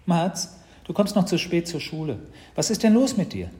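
A man voicing a brisk mother scolding her son about being late. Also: a little high, big pitch swings, mellow, pitched above the performer's own voice. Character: busy mother, brisk and questioning.

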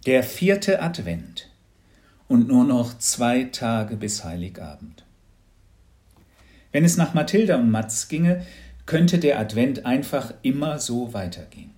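A man reading a children's Christmas story aloud in an expressive, playful way. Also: mid-range voice, slow pace.

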